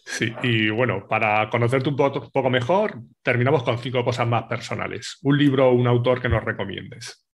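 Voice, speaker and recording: Male host, relaxed questions, short agreeing replies. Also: medium pitch, normal speed. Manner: brief backchannels, relaxed questions. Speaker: podcast host. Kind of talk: casual interview chat.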